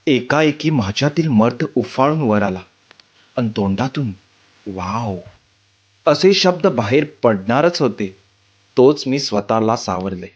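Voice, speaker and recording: A man narrating a love story in the first person, expressive and dramatic. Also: medium pitch, measured pace, muffled recording. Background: faint music.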